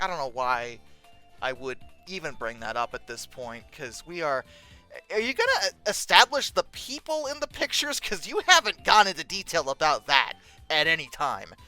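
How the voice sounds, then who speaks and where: Reading from an old book and reacting to its text and pictures, a host delivers casual comedy commentary that's exasperated, sarcastic, and incredulous. The voice is mid-range with a sharp tone.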